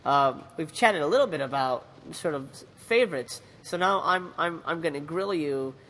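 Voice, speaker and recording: A podcast host with a slightly high voice chats enthusiastically in a casual interview, recorded roughly with some hiss or hum. An animated storyteller, he speaks haltingly and often restarts his sentences.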